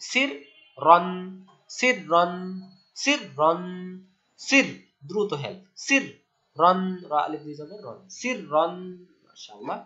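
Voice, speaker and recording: Male Quran tutor drilling syllables in a patient call-and-response. Bright, animated delivery on dull, lo-fi audio. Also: high voice. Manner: repeats syllables slowly, praises often, stretches Arabic sounds. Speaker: Quran recitation teacher. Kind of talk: call-and-response pronunciation lesson.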